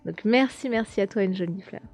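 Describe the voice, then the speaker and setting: A woman's voice: medium pitch, fairly quick, a little mellow, faint music behind. A young woman hosting a podcast, chatting casually as she reads out viewer comments, with lots of fillers and restarts. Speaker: podcast host.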